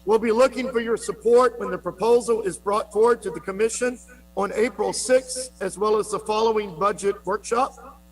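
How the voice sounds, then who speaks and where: A man moderating a public meeting, firmly pressing speakers for clear commitments. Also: high voice.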